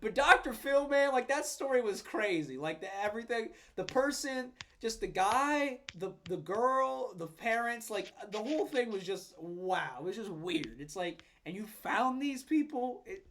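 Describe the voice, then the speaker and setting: A young man with a high-pitched voice talks in a loose, rambling way. He fills his sentences with "like" and restarts, and he swears freely in a casual podcast chat. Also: lively intonation, normal speed, hardly any pauses, a bit bright. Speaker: podcast co-host.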